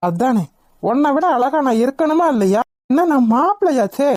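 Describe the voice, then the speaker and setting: A woman's voice: sits high, animated, normal speed, darkish tone, no echo. A woman with a Tamil accent voicing a vain, boastful young groom in a cartoon.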